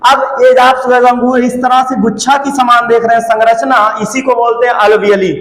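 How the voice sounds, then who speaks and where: A man's voice: extremely high pitch, level tone, moderate pace, fairly bright tone. A man teaching a class, asking the students rhetorical questions and repeating each term. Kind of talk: classroom lecture. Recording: echoey room reverb.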